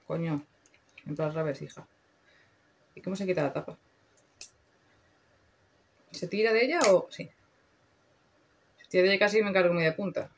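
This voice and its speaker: A woman's voice: on the low side, moderate pace, pauses often. Chatty young Spanish woman reviewing makeup. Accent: Spain Spanish. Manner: chatty, swears freely, slangy. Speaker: beauty vlogger. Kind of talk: casual product review.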